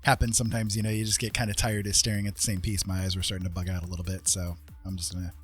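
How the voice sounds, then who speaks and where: A low-voiced man hosts a casual art livestream, chatting rapid-fire in a level tone while making art, rambling in a folksy way. Faint music plays behind him.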